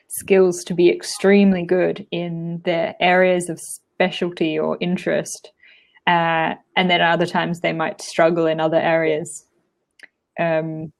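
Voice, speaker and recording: An Australian woman teaching English in a casual online chat, often pausing with "um" and laughing easily. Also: on the low side. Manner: giggly, hesitant with frequent ums. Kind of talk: casual conversation lesson.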